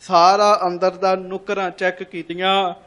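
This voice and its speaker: A man with a high voice delivers a storytelling sermon. He repeats his lines, asks the congregation questions and calls on them to answer back. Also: little pitch movement, unhurried, a bit bright. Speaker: preacher.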